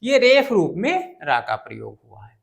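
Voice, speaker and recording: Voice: mid-range voice, wildly swooping pitch, unhurried, gravelly. A grammar teacher giving an exam-prep lecture, asking questions and answering them, repeating phrases and spelling words out syllable by syllable.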